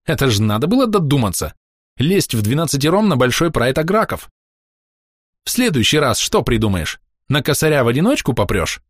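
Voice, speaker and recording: A man's voice: medium pitch, lively intonation, fairly quick, no echo, studio quality, voice pushed up, close to an everyday voice. A man doing a snappish scolding woman healer. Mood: grumbling. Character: grumpy scolding woman healer, sharp-tongued.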